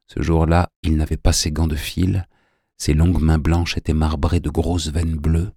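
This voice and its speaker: A man narrating an audiobook in a measured, even reading. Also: very deep voice, breathy edge, dry recording, clean studio sound.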